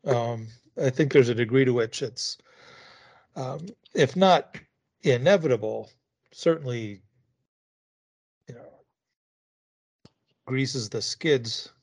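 Guy on a podcast, thoughtful and measured, picks his words carefully. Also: medium pitch, darkish tone. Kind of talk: casual podcast chat.

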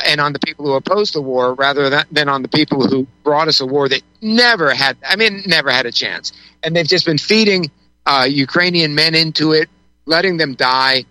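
A man's voice: a little high, bright, forceful tone, no echo, rough recording. A man giving political commentary as a guest on a talk show, rambling with frequent restarts and fillers.

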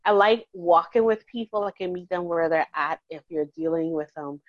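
A Bahamian woman in her forties, a counselor talking warmly and chattily in an interview, laughing easily. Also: lowish voice, moderate pace, no echo, dull audio. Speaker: counselor and guest. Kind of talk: casual interview conversation.

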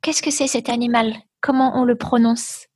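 A woman's voice: on the high side, steady tone, moderate pace, a little mellow, husky. A woman teaching a language class over a video call. She is patient and encouraging and slips into English to explain words. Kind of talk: online class, teaching vocabulary.

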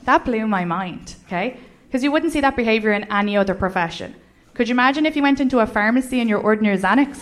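A young woman with an Irish accent doing a stand-up comedy set, wry and deadpan with mock-outraged asides. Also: fairly high pitch, fast. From Ireland. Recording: live club set with audience noise.

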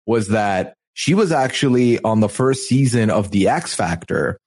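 A man's voice: fairly low pitch, animated, unhurried, darkish tone, slightly rough. A man co-hosting a podcast in casual chat, playful and teasing, recapping a TV show with rambling asides. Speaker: podcast co-host.

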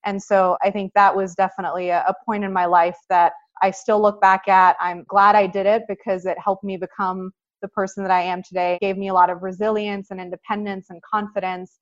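A woman's voice: medium pitch, flat delivery. Reflective young woman from Pakistan. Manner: measured, reflective, frequent "I think" and "you know". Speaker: guest. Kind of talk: personal storytelling interview. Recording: slightly dull lo-fi audio.

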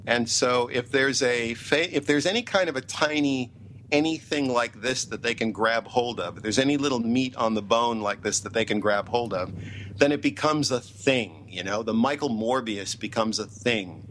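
A middle-aged TV writer and producer speaks as an interview guest, opinionated and emphatic, repeating phrases to drive his points home. His mid-range voice runs at normal speed with a fairly bright tone, and a little hiss or hum is audible.

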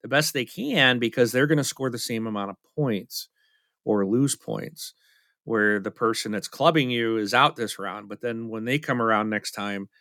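A man's voice: medium pitch, moderate pace, bright, forceful tone, no room sound. A middle-aged man chatting casually as a podcast co-host, rambling and telling stories with many fillers. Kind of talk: casual chat.

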